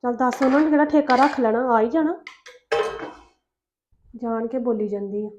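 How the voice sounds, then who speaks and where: An actress playing a young daughter-in-law grumbling quietly at home. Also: female voice, a little high, normal speed, highs cut off, background noise, close to an everyday voice.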